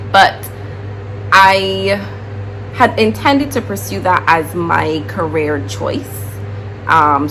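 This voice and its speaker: A woman's voice: sits low, a bit bright, slight background noise, rough recording. A Barbadian woman in her twenties, a teacher, chatting casually and rambling in a vlog with many fillers.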